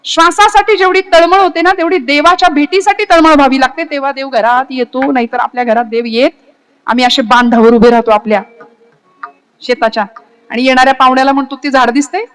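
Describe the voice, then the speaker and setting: A woman from Maharashtra gives a devotional kirtan sermon in a high, ringing voice. She moves from story to quoted verse and throws rhetorical questions at her listeners. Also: fairly even intonation, a little fast, clear, resonant tone, faint music behind. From Maharashtra, India. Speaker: kirtan preacher.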